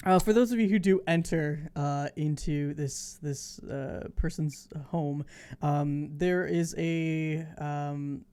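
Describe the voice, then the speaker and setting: A woman running a tabletop game, improvising scene narration piece by piece in a halting way. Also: sits low, dark tone, clear, resonant tone. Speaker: game master.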